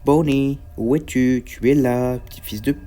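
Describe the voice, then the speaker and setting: A man talks through a horror game as he plays. His voice sits in a middle pitch and he rambles, stammers and curses whenever something jumps out. A faint hiss runs under the recording. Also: steady tone, a little slow, mellow. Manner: jumpy, rambling, swears and stammers when scared. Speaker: gaming YouTuber. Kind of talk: let's play commentary.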